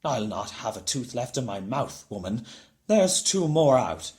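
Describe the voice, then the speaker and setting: A man's voice: medium pitch, very animated, measured pace, darkish tone. A man voicing a huge, gluttonous bully of a giant in a storybook, bellowing and blustering. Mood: outraged. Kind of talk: storybook character voice.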